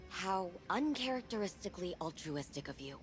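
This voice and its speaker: An actress playing a wry, determined, tech-savvy field leader in a video game, with a dry, informal delivery. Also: female voice, fairly low pitch, sing-song, normal speed, faint music behind. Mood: dry, guarded. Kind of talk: scripted video game voice acting.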